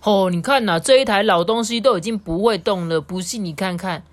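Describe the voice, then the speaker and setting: A woman's voice: mid-range voice, brisk, lightly acted. A woman voicing a boastful, carefree male inventor while reading a picture book aloud.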